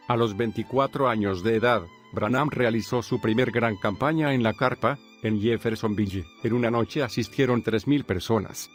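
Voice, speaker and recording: A man reading a scripted biographical documentary narration in a steady, measured storytelling manner. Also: medium pitch. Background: soft background music.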